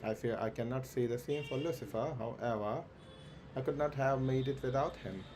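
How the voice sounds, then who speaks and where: A man with a mid-range voice livestreams a game, haltingly reading its dialogue aloud and stumbling and correcting himself as he goes. There is clearly noticeable noise in the background.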